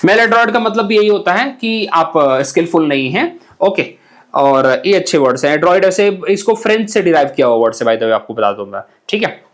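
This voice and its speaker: High-voiced man teaching vocabulary. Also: animated, normal speed. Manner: explains words in Hindi mixed with English, often asks "ठीक है?". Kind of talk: exam-prep vocabulary lesson.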